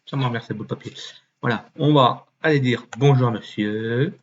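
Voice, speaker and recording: A YouTuber clicks through a website in a casual screen recording, thinking aloud at normal speed. He mutters, swears under his breath, uses many fillers, and suddenly jumps into a mock high voice, all captured on a dull lo-fi mic with faint noise.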